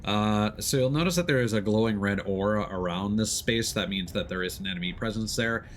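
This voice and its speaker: On the low side and brisk, this streamer's voice carries casual gameplay commentary. He's livestreaming and explaining how the game works, thinking aloud in a hesitant way.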